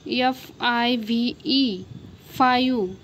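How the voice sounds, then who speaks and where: A woman's voice: fairly high pitch, steady tone, drawn-out words, fairly bright tone, a little hiss or hum. A woman with a Maharashtrian Indian accent teaching a simple lesson, explaining as if to a young child.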